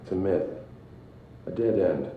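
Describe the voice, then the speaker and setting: An actor playing a guarded, eerily detached male scientist in a video game, halting and evasive in his speech. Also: expressive. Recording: muffled, very echoey, faint rumbling noise.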